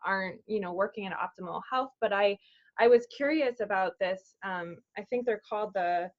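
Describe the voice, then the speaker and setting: A woman's voice: mid-range voice, normal speed. Affirming woman host, dull lo-fi sound. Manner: affirming, steady "mm-hmm" responses, enthusiastic questions. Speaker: summit interview host. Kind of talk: casual interview conversation. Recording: dull lo-fi audio.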